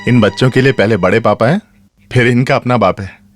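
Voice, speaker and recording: A man's voice: mid-range voice, brisk, close to an everyday voice. A man dubbing a cheerful departing nephew. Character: cheerful man leaving family for abroad. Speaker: dubbing actor. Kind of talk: Hindi film dub. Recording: dubbed dialogue over loud film music.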